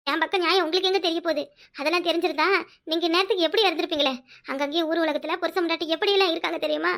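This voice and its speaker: A woman voicing a quarrelsome, sharp-tongued village wife in a cartoon, with a Kanyakumari Tamil accent, scolding in rapid complaints. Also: very high-pitched. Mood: aggrieved. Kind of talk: cartoon voice acting.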